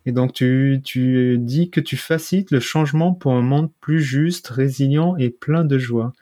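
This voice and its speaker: A man's voice: medium pitch, unhurried, dark tone. A man hosting a podcast, introducing his guest in a casual manner and often stumbling and repeating words. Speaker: podcast host.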